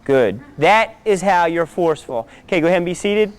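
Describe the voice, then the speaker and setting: A man's voice: sits high, expressive, a little fast, smooth. A man teaching a self-defense class, giving direct instructions and often checking in with "okay?".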